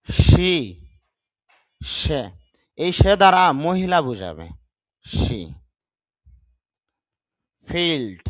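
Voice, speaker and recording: In this pronunciation-drill vocabulary lesson, a man with a fairly high-pitched voice and no echo takes learners through English words. He goes slowly and deliberately: each word is spoken, repeated, spelled out, and its correct pronunciation explained.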